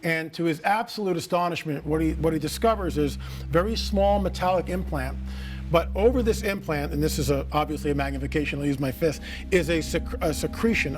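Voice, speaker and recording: A man speaking as a guest on a TV interview, telling stories with confident, emphatic statements. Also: on the high side. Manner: confident storytelling, emphatic, declarative.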